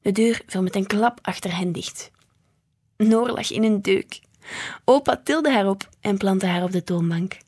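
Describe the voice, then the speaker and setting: A woman reading a children's book aloud in a lively, expressive way. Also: medium pitch, measured pace, breathy edge. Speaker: storybook reader.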